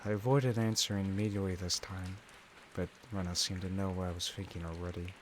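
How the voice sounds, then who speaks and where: A man's voice: low voice, fairly even intonation, brisk, very noisy. A man hosting a let's play, reading visual novel text aloud with informal, sweary asides.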